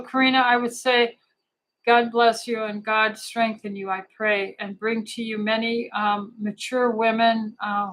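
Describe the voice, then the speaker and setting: A woman's voice: a little high, fairly bright tone, low-quality recording. A middle-aged woman physician answering viewer questions on a live stream, talking in a casual, hesitant way with many fillers, restarts and heartfelt asides.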